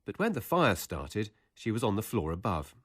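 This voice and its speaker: A man narrating a radio documentary in a measured, scripted way. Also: on the low side, very animated, husky, no echo, clean studio sound.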